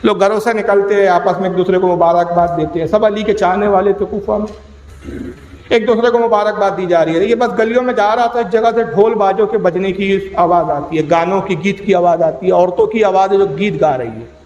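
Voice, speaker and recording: A man's voice: high voice, a little mellow, dull audio. A man with a Pakistani accent preaching an emotional storytelling sermon, acting out the voices of the people in his story. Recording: echoey hall with faint hum.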